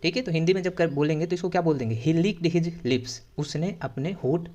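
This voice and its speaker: A man teaching English to Hindi speakers, who reads English story lines slowly and word by word, then explains their meaning in quick, repetitive Hindi. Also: a little high, darkish tone. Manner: repetitive, checking in with "theek hai".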